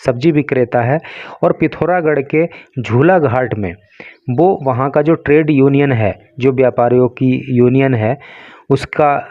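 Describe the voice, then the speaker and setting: A man teaches English by reading a newspaper aloud. He reads each English phrase slowly and then explains the meaning of the words in Hindi. His voice sits at a middle pitch, recorded close and dry with a slightly dull, muffled tone. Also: no room sound.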